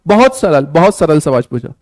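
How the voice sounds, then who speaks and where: A man's voice: on the high side, sing-song, normal speed, a little mellow, no room sound. A man teaching a live online class, coaxing students with repeated questions and playful jokes.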